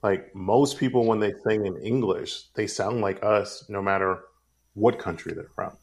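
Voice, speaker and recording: Rambling low-voiced man. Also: a little slow, a little mellow. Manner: rambling, goes off on tangents. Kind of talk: casual film discussion.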